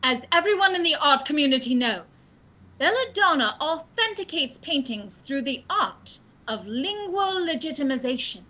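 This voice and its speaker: With a high-pitched, very animated, sharp and exaggerated voice at normal speed, a woman plays a theatrical lady detective in a comic radio play. Self-assured, commanding and triumphant, she pompously declaims her explanation of a murder as music plays behind her.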